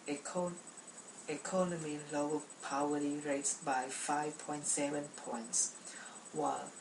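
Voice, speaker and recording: A woman's voice: low-pitched, roomy sound, far from the mic, noisy background. A young woman from Cambodia giving a prepared class speech, speaking carefully with frequent restarts and repeated words.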